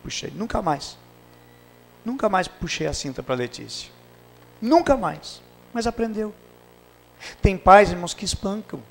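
A man's voice: high voice, animated, a little slow, creaky, long pauses. Storytelling pastor, man. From Brazil. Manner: storytelling with acted dialogue, swings from loud to hushed. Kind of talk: sermon.

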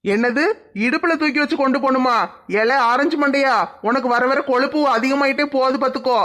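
Lady doing a grumpy male group leader, brusque scolding, high-ish flat voice. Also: a little fast.

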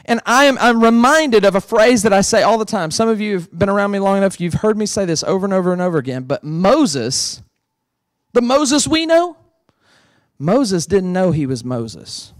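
A male pastor preaching with an animated, playful, conversational delivery. His voice sits high for a man and swings widely, and the recording is close and dry. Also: normal speed, dry recording. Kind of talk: sermon.

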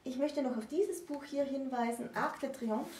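A high-pitched, somewhat mellow female voice at a moderate pace belongs to a co-host in her thirties who presents books in a discussion to camera. She's in a room full of bookshelves, and the distant mic captures roomy echo plus slight background noise.

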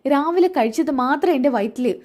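A woman voicing a quick-tempered young woman who whines and snaps at her family. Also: high voice, lively intonation, darkish tone, pitched above the performer's own voice. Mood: whiny. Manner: whiny, snapping.

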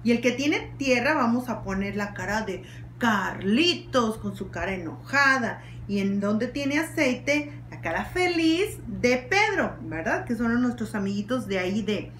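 A woman's voice: a little high, very animated, measured pace, a bit bright. A woman cheerfully explaining a home activity to children. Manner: cheerful, chatty, addresses children. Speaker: children's program host. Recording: echoey room with faint noise.

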